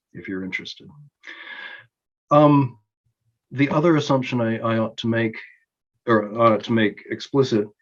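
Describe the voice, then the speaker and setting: A man with a somewhat low voice presents an academic conference talk. He explains his points in a measured way, with frequent ums and small restarts. The recording is dull and lo-fi.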